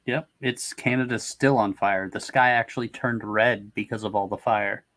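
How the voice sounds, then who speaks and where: A man's voice: lowish voice, steady tone, moderate pace, a bit bright, no room sound. A man in a casual chat, wry and joking.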